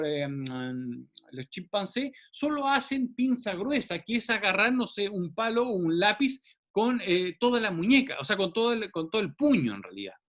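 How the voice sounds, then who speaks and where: A man teaching a classroom anatomy lecture, explaining step by step and often checking in with the class. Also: sits high.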